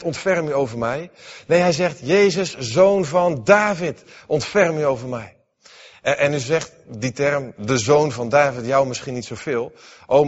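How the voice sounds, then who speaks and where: A man preaching a sermon in a church, reading scripture and then expounding it, dramatic, swinging between raised emphatic lines and hushed ones. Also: medium pitch. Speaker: pastor. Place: church hall. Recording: dull, hall with long reverb.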